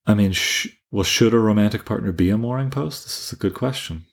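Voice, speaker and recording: A man's voice: lowish voice, a little fast, gravelly, husky. A man from Canada co-hosting a casual book discussion, musing and thinking aloud with frequent restarts. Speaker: podcast co-host.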